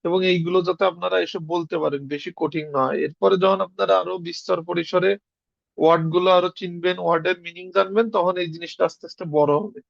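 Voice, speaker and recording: A man's voice: sits high, steady tone, quick pace, creaky, no room sound, dull audio. A young man from Bangladesh teaching an online language class, explaining patiently and spelling words out letter by letter.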